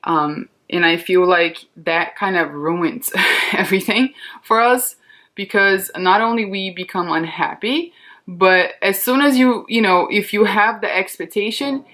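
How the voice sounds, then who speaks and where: A medium-pitched, slightly bright voice belongs to a Brazilian woman in her thirties who speaks Portuguese. She hosts a chatty makeup tutorial in an informal, candid and reassuring beauty-vlogger manner.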